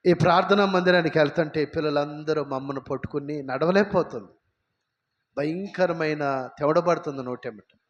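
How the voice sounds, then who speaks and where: A man's voice: fairly high pitch, muffled recording. A man preaching a sermon with personal testimony, emphatic and firing rhetorical questions at the congregation. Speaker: pastor. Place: church.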